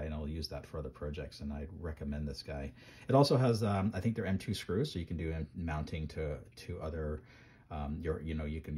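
Man, very low voice, casual tech demo, rambling with ums, faint hum behind. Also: darkish tone. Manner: rambling, many ums and restarts. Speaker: maker reviewing microcontrollers. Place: workbench.

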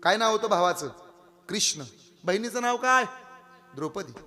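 A man's voice: sits high, lively intonation, moderate pace, pushed and bright. A male kirtan preacher with a Marathi accent, joking with the crowd, coaxing them to answer back, and breaking into devotional song. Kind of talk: devotional kirtan sermon with singing.

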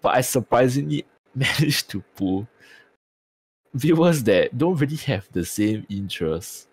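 A man's voice: mid-range voice, expressive, a little slow, a little mellow, slightly rough. A man with a tired-sounding voice, chatting casually on a podcast and swearing freely. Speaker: streamer and podcast co-host.

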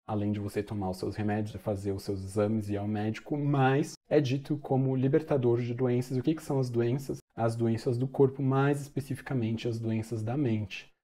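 Mellow-voiced monk explaining a mantra. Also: male voice, mid-range voice. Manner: conversational, chants the mantra slowly in places. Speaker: Buddhist monk teacher. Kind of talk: casual explanatory teaching video.

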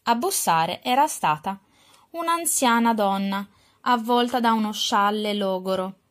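Calm woman reading a storybook aloud. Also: mid-range voice, measured pace. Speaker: storyteller for a children's dance class.

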